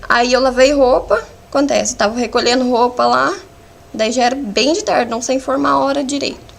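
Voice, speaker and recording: Gravelly Brazilian woman giving halting testimony. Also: high-pitched. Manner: halting, fragmented retelling with many restarts. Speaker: defendant under questioning. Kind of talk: courtroom testimony. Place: courtroom hearing.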